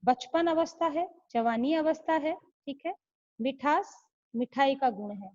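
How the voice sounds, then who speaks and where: A woman's voice: high-pitched, expressive, measured pace, a little mellow. A woman teaching young children an online lesson, patiently explaining and often checking if they understand. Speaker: school teacher. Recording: slightly muffled lo-fi audio.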